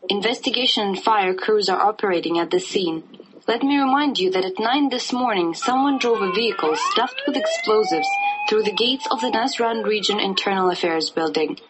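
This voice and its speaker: A woman giving a live interpreter voice-over of a television report, relaying it in a measured, even way. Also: medium pitch. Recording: TV clip over loud background noise. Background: loud ambient noise.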